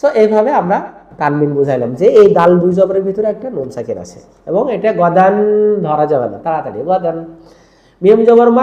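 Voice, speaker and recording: Male Quran teacher, high pitch, roomy echo, patient drill-and-quiz delivery. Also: muffled recording. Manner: drills pronunciation, quizzing with questions. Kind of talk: teaching lesson to other teachers.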